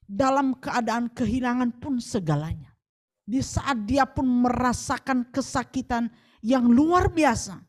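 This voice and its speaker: A woman preaching a sermon, moving from soft pleading lines to loud proclaiming ones. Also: a little high.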